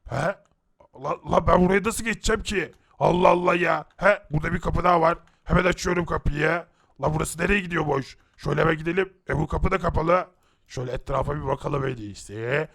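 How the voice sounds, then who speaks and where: A man's voice: on the high side, brisk, gravelly, fairly bright tone. A man giving brash game commentary straight to his viewers. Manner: brash, addresses viewers directly. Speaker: co-host of a game video.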